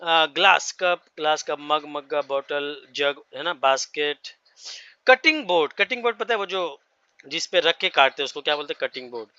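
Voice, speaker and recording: A man teaches English words to a class, stopping often to check that everyone is following. His voice is bright and fairly high, and it sounds dull and muffled, with a dry, close sound. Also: normal speed, smooth, dry recording. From India. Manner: explains each word with repeated checks to the class. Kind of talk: classroom vocabulary lesson.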